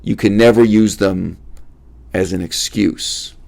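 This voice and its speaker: A channel host with a deep, gravelly, darkish voice gives an unscripted philosophical monologue to camera, lecturing viewers slowly with fairly even intonation. He is emphatic, repeating key words for stress, speaking to viewers directly and posing rhetorical questions.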